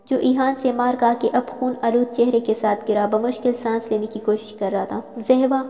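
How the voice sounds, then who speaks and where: Woman reading a novel, warm tone, long reverb. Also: a little high. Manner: reads all characters in her own voice. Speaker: narrator. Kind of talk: novel read aloud.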